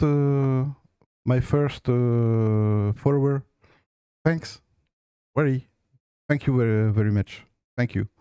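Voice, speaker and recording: A man from Belgium speaking hesitant, halting English with a French accent, as a game streamer chatting casually live. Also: fairly low pitch, mellow, clean tone, no echo. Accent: Belgian French; French-accented when speaking English. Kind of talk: casual live gameplay commentary.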